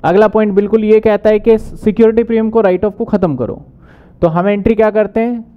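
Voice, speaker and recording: A man teaching accounting in a brisk lecture, asking questions and answering them himself. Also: high voice, fairly even intonation, clean tone, narrow, tinny audio. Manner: brisk, asks and answers his own questions. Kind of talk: whiteboard lecture.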